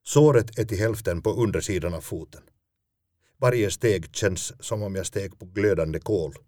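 A man's voice: sits low, mellow, no room sound. A man, a stage actor, telling a first-person story in a dry, self-mocking way.

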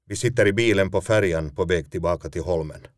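A man's voice: low-pitched, dry recording. A man, a stage actor, telling a first-person story in a dry, self-mocking way.

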